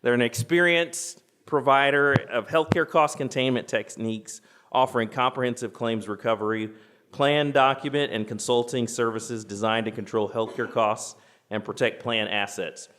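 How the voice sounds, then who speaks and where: A man's voice: mid-range voice, fairly even intonation, moderate pace, fairly bright tone. Man introducing a conference speaker. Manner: reads a prepared introduction, then adds loose remarks.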